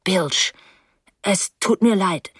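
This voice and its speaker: A woman voicing a moody, stubborn young man who answers curtly in a lowered voice. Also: drawn-out words, husky, dry recording, clean studio sound, exaggerated voice. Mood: pleading.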